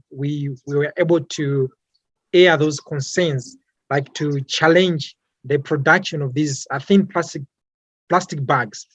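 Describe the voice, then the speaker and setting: A young man from Malawi answers interview questions in a slightly high voice. He talks haltingly, full of fillers and repeated words. The sound is dry and close, with no room around it. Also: dry recording. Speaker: interviewee, climate activist.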